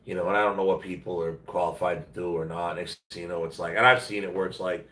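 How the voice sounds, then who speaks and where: A low-pitched man speaks quickly, pushed and bright, with fairly even intonation. Under the weather, he sounds congested, nasal and tired as he chats bluntly and slangily on a casual home livestream. His distant mic leaves the roomy space echoey.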